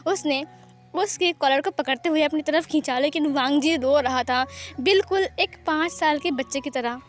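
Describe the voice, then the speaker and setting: High-voiced woman narrating a story. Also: moderate pace, faint music behind. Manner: lively, acting out every character. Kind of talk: storytelling reading of fan fiction.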